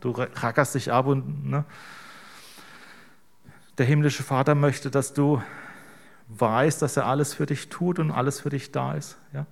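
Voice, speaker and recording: A man's voice: medium pitch, steady tone, measured pace, vocal fry, pauses often. A middle-aged man preaching a conversational sermon, chatty and informal, often ending phrases with a questioning tag to the congregation. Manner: casual, keeps adding "ne?" to draw in listeners.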